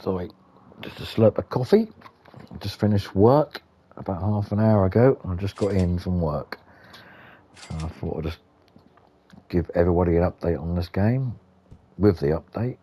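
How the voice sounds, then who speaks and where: A man's voice: low voice, moderate pace, pauses often, mellow, a little hiss or hum. A British man giving rambling, understated, casual gameplay commentary as the host of a gaming video.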